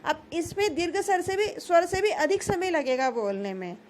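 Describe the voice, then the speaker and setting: A woman's voice: very high voice, lively intonation, normal speed, a little hiss or hum. A woman teaching a grammar lesson, patiently repeating key terms and asking questions that she then answers herself.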